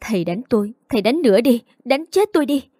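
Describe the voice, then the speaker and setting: A woman's voice: mid-range voice, a little fast, mellow, dry recording, clean studio sound, lightly acted. A woman voicing a defiant, bitter young female student who pushes back hard.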